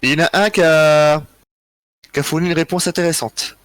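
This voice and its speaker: A tired man hosting a live history quiz, reading out chat answers in a relaxed, joking way with frequent chuckles. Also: a little high, fairly quick, no echo. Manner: relaxed, joking, chuckles often, thinks aloud. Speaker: quiz host.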